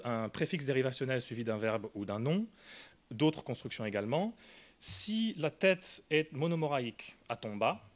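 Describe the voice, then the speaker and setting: A man presents an academic talk in a careful, explanatory way. His voice sits at an ordinary middle pitch. He pauses often, filling gaps with hesitations and restarting phrases. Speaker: linguistics lecturer.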